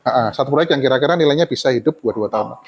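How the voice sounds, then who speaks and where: A man in his forties, speaking at a middle pitch, shares his career story in an easygoing way. He laughs often and slips casually into Javanese phrases, like a guest at a small forum. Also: fast talker, noisy background. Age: 40s. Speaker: architect guest.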